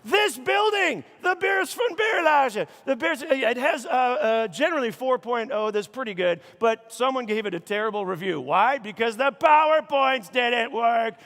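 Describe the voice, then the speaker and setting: A man from Chicago, giving a comedic keynote speech to a conference audience, with animated, mock-outraged punchlines. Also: very high voice, moderate pace, hardly any pauses. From Chicago, United States. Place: large conference hall. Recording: long hall reverb.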